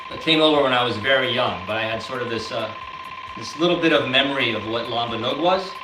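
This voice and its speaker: Halting man on an echoey laptop mic. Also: mid-range voice. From Philippines. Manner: halting, many fillers. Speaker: guest, product founder. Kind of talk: casual interview talk. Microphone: laptop mic on a video call. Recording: echoey room with noise over a laptop mic.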